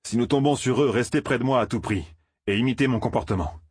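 A man's voice: mid-range voice, fast talker, a little mellow, husky, no echo, clean studio sound, pitched above the performer's own voice, natural voice. A man voicing a stern, commanding warrior. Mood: grave commanding. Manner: terse, grave orders. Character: stern grown male warrior guardian, commanding.

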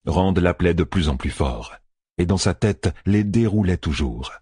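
Low husky male narrator. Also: expressive, normal speed, mellow, no echo, clean studio sound. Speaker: audiobook narrator. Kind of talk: scripted fantasy audiobook narration.

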